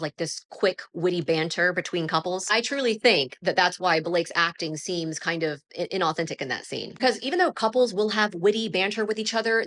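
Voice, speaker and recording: A woman's voice: lowish voice, fairly bright tone. A young adult woman giving a chatty, candid film critique, full of "like" fillers. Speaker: film reviewer. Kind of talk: casual spoken film critique.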